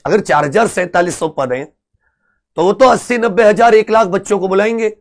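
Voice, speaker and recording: Man, high voice, earnest persuasive exam-prep teacher. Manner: earnest, persuasive, addresses students as friends. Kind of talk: animated exam-prep video lesson.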